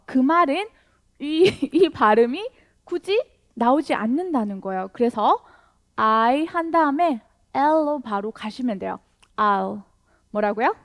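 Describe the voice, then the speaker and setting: A woman teaching English in a video lesson, lively and encouraging, asking her viewers questions and laughing often. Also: fairly high pitch, dry recording.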